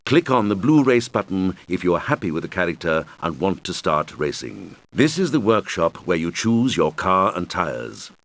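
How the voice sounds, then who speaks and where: A suave, showy island boss from a racing video game talks in a low voice whose animated intonation rises and falls. Helpful and instructive, he guides the player deliberately and theatrically, like a scripted tutorial host.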